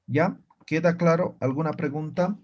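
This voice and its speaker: A man teaching an online language class, speaking slowly and patiently and often checking that students follow. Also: on the high side, darkish tone, muffled recording. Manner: slow, patient, keeps checking students understand.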